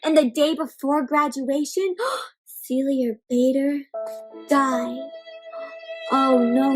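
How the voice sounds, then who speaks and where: The host's slightly high female voice brings a picture book to life for children, with stressed words and simple questions and explanations aimed at young listeners. Her delivery is interactive and expressive, though the recording is low quality.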